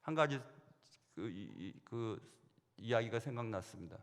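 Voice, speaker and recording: Preaching at normal speed in a fairly low voice, a middle-aged man serving as senior pastor delivers a sermon full of lively stories in which he performs the quoted voices. A long hall reverb fills the church sanctuary.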